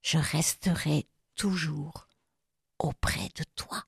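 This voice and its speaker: A woman voicing a gentle, loyal male dog in a storybook reading, speaking softly and murmuring tenderly. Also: mid-range voice, expressive, a little slow, dry recording, studio quality, lightly acted.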